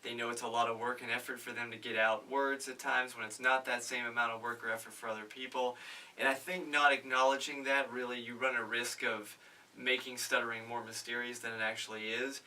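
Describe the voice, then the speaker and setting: A man speaking on a panel about stuttering, earnest and measured, with frequent fillers. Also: mid-range voice, little pitch movement, sharp tone, far from the mic, rough recording. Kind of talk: casual panel discussion.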